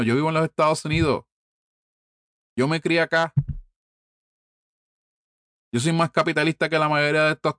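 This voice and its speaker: This fairly high-pitched, fairly bright voice belongs to a middle-aged Puerto Rican man with a Puerto Rican Spanish accent. He fires off rhetorical questions in a heated, profane political monologue, recorded at studio quality with no room sound.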